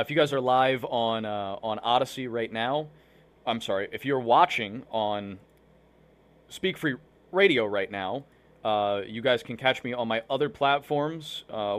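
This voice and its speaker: The man running this live online show has a medium-pitched, fairly bright voice and an unhurried delivery. Fighting off hiccups, he addresses viewers casually in a rambling, filler-packed way, often starting sentences over.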